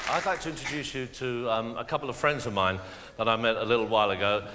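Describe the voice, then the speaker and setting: A man's voice: mid-range voice, steady tone, fast talker, background noise. A man hosting a live stage comedy bit, chummy and jokey. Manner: jokey, chummy, laughing through lines. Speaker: comedy host. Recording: large hall with loud crowd.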